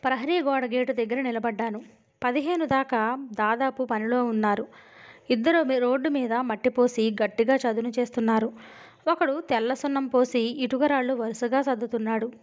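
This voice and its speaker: Expressive woman narrating a novel. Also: a little high, normal speed. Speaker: audiobook narrator. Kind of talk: dramatic novel reading. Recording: dull lo-fi audio.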